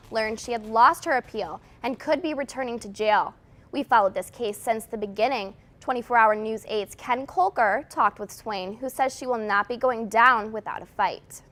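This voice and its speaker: High-voiced American woman anchoring a newscast, read straight. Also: normal speed, fairly bright tone, faint music behind. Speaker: news anchor. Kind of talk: scripted television newscast reading.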